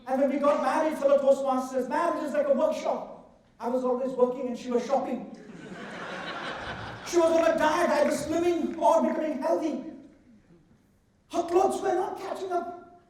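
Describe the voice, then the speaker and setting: A middle-aged man from India with an Indian accent delivers a rehearsed humorous contest speech in a theatrical, deliberate way, drawing out words for emphasis. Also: very high-pitched, a little mellow. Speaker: contest speaker. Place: large indoor event hall. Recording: echoey hall, far from the mic.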